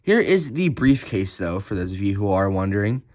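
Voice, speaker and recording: A man's voice: on the low side, big pitch swings, normal speed, darkish tone. A man casually reviewing action figures he is unboxing. He talks loosely with many filler words and points out flaws he finds. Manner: chatty, lots of "like" fillers; critical, picky about flaws. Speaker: toy reviewer.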